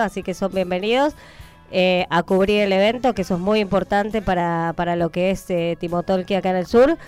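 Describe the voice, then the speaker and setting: A woman with an Argentine accent, chatting on a radio program as an event producer. She talks in a rambling, hesitant way, full of fillers and restarts. Her voice is smooth and clear, with faint music behind. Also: mid-range voice, a little mellow. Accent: Argentine Spanish. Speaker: event producer and press agent. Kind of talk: radio interview, promoting shows.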